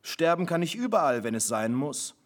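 A man's voice: fairly high pitch, very animated, moderate pace. A man reading the part of a cheerful, defiant father who sounds breezy and amused.

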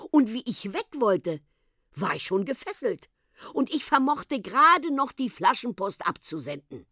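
A woman's voice: on the high side, sing-song, unhurried, bright, forceful tone, no room sound, pitched above the performer's own voice, exaggerated voice. Woman reading a storybook doing a stubborn cheeky kid, matter-of-fact, dry close mic. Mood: recounting. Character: cheeky young boy, stubborn and blunt.

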